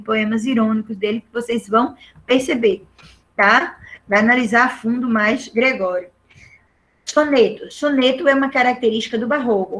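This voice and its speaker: A middle-aged Brazilian woman with a slightly high, fairly bright voice teaches a literature lesson. She explains patiently and checks in with the class often.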